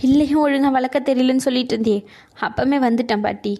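A woman's voice: sits high, quick pace, warm tone. A woman voicing a hurt young mother in a cartoon, speaking in wounded, reproachful outbursts. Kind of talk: cartoon voice acting.

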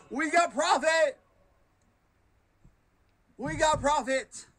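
A young man live-streaming slot play, shrieking and shouting like a jackpot winner. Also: very high-pitched, lively intonation, slow. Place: indoor streaming setup.

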